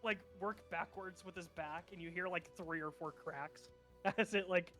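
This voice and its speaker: A high-voiced man runs a tabletop game session, rambling through the scene and breaking into laughs. Soft background music plays under his narration. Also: unhurried. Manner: laughing often, loose and rambling. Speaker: game master.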